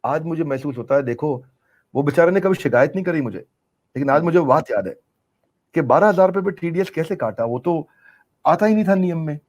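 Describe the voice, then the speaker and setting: A man's voice: fairly high pitch, lively intonation, brisk, a little mellow. Earnest middle-aged man, emphatic repetition. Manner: earnest, emphatic, repeats phrases for effect. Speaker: business coach being interviewed. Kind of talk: conversational interview answers.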